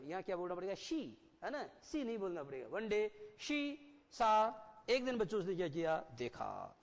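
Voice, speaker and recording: A man teaching an English lesson to children, reading lines out slowly and explaining them with questions to the class. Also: high-pitched. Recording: dull lo-fi sound with long hall reverb.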